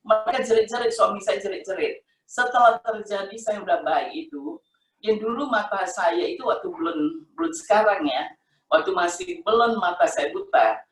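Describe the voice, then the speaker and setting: Brief: middle-aged woman, heartfelt repetitive testimony, roomy sound, mic set far off. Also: mid-range voice. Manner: emotional, repetitive, conversational storytelling. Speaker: testimony giver. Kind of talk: personal faith testimony.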